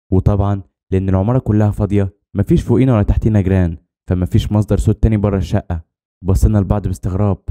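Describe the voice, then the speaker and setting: A man tells a first-person horror story at a rapid clip. His voice sits low and sounds very dark and mellow. The telling is scripted and tense.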